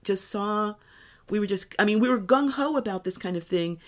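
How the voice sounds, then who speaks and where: A woman's voice: medium pitch, lively intonation, moderate pace. A woman in her sixties, co-hosting a podcast in casual chat, telling reflective stories in a chatty way. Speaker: podcast co-host.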